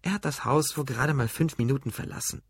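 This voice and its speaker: A man voicing a calm, sarcastic young wife and mother, matter-of-fact and cutting, in an audiobook reading. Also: mid-range voice, quick pace, slightly rough, no room sound, studio quality.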